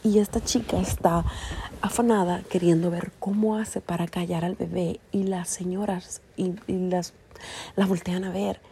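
Indignant young mother with a gravelly voice. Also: fairly low pitch, fairly even intonation, normal speed, warm tone, a little hiss or hum. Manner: earnest, indignant storytelling. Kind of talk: casual vlog monologue.

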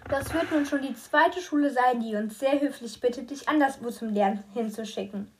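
A woman reading a stern, controlling mother's lines in an audiobook, slow and clear with bitter edges. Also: sits high, a little mellow, natural voice. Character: stern middle-aged mother, cold and controlling.

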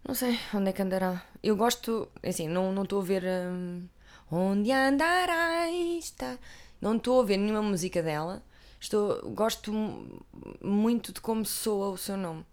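A woman's voice: medium pitch, moderate pace, mellow. Chatty woman with European Portuguese accent. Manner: chatty, rambling, self-interrupting with asides. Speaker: vlogger. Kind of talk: casual chat about TV.

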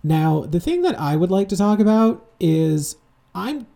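In his twenties, this podcast co-host talks from a room at home, seated with a heating pad. His voice is dark, mellow and gravelly, sitting high and moving a little slowly. He rambles through animated stories packed with "like" and "you know".

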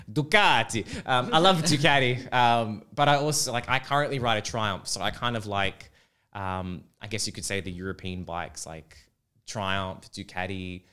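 A man's voice: fairly low pitch, bright, forceful tone, smooth. A man, a teacher being interviewed, telling casual self-mocking stories with a joking manner.

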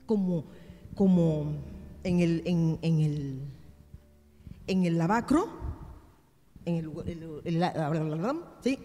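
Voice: mid-range voice, warm tone, big-room sound. A preacher delivering a sermon, speaking directly and emphatically to the congregation as brothers and sisters.

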